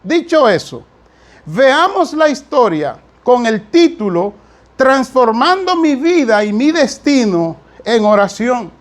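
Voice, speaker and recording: A male pastor delivers a sermon in a high voice, pressing his points with repetition. He keeps turning to the congregation and telling them to listen closely. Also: big pitch swings, slow. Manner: emphatic, repetitive preaching with asides to the congregation.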